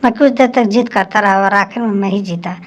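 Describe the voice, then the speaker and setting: A woman narrating a first-person story with an even, steady reading delivery. She reads like a practiced storyteller. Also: medium pitch, a little fast.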